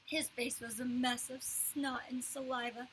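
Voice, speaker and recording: A woman reading a chapter book aloud to children, pausing to explain words in a clear storytelling manner. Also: high-pitched, little pitch movement, a bit bright, slight background noise, poor audio.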